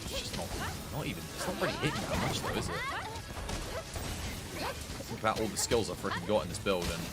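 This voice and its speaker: A man's voice: deep voice, big pitch swings, a little fast, loud music behind the voice. A young man on a headset mic, chatting casually to his livestream viewers while commenting on his game. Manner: chatty, rambling, swears mildly, talks to chat. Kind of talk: casual gameplay commentary and chat.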